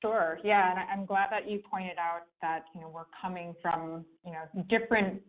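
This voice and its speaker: A woman comes through a conference call with a narrow, tinny phone sound. Her voice sits a little low, and she explains things in a relaxed, filler-heavy way as a guest expert. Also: normal speed. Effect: heard over a conference call phone line. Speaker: guest expert on client reviews. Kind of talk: conversational explaining. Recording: tinny phone-line teleconference audio.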